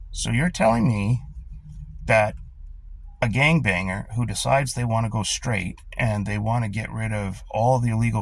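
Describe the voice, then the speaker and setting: A man voicing a baffled male news reporter who questions in disbelief, in a low, gravelly voice. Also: rough recording.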